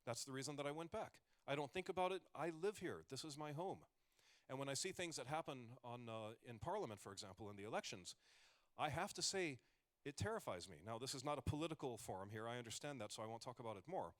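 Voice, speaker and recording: Speaking quickly and expressively in a mid-range voice, this man is a comedian in his forties from the United States. His casual stage talk wanders with jokey asides and restarts.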